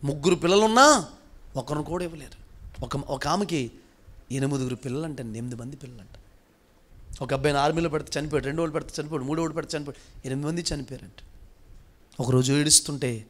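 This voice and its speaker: A pastor delivers a sermon in a notably high voice for a man. He drives his points with strings of rhetorical questions, pushing some lines loud and drawing others out slow and quiet. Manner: preaching with rhetorical questions, swinging between loud and hushed.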